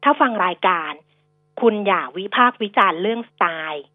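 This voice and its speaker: Brisk woman co-hosting finance radio. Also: mid-range voice, expressive. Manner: brisk, firm, scolding listeners. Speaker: radio co-host. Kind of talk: casual finance talk radio. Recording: phone-like narrow band radio audio.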